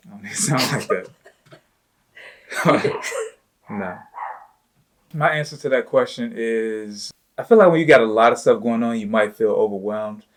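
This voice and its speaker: A man with a fairly low voice hosts a relaxed conversation. He talks loosely and informally, with plenty of "you know" and "like" fillers, in an easygoing chat style. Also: moderate pace. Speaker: host, entrepreneur. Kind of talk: casual chat with his wife.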